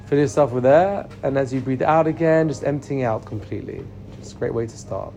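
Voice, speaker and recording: A man leading a guided meditation with calm, soothing instructions. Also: mid-range voice, a little fast, slight background noise. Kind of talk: guided meditation and body scan.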